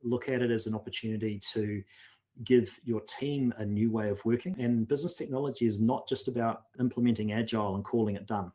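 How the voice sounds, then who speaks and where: Low-voiced earnest man. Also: steady tone, fairly quick, mellow. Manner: earnest, repeats words when restarting. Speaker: guest consultant. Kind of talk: conversational podcast interview.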